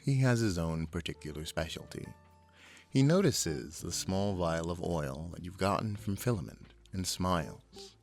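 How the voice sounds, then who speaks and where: A man narrates an ASMR sleep story in a soothing, unhurried way, guiding the listener along. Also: low voice, gravelly.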